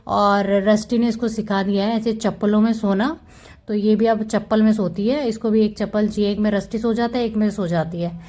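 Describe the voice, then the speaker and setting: A woman's voice: mid-range voice, steady tone, fairly quick, dark tone. A woman giving a casual, chatty voice-over about her pet cats, fond and explaining as she goes. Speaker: cat vlogger.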